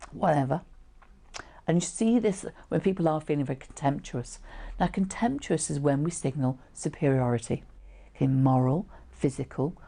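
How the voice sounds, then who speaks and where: A middle-aged woman teaches in an informal, conversational style. Her voice sits low and has a mellow tone with plenty of creak. She explains each point plainly, as if chatting to a small class. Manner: explanatory, conversational, with short illustrative asides. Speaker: trainer teaching how to read facial expressions. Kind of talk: informal instructional presentation to camera. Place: small indoor room, seated.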